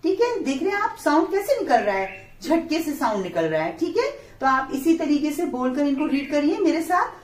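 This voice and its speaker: A woman with an Indian English accent teaching a preschool phonics lesson at a blackboard. She spells each word out letter by letter and then says it crisply. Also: high voice, big pitch swings, fairly quick, few pauses. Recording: echoey room.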